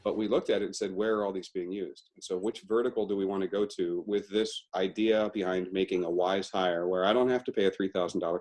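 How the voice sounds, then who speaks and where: A middle-aged man, a company founder, telling his story as an interview guest and stressing key words with sudden jumps in pitch. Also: a little mellow.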